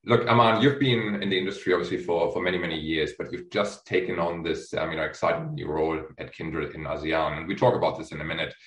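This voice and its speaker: A deep-voiced man, chief executive of a research firm, hosts a business interview in an echoey room. He talks fast with few pauses and fairly even intonation, and his long questions are full of fillers and restarts.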